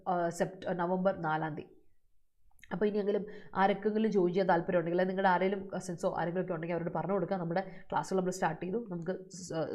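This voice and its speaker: Woman, English vocabulary teacher for a live online exam-prep class, explains in Malayalam, reads student answers slowly. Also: fairly low pitch, a little mellow.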